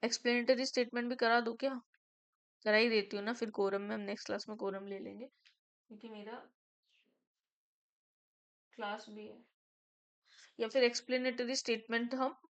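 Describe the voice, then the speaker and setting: A young woman with an Indian accent teaches an online class in a rapid, drilling style, echoing key terms over and over. Her voice is smooth and crisp and sits a little high. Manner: fast-talking, repeats terms to drill them. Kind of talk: online lecture mixing Hindi and English.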